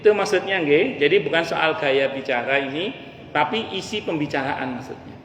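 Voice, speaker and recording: Animated and fairly bright, this preacher's fairly high voice moves at a moderate pace as he gives a casual, funny religious study talk in a mosque hall, speaking directly to the ladies in the crowd. The echoey space has faint ambience and slight background noise.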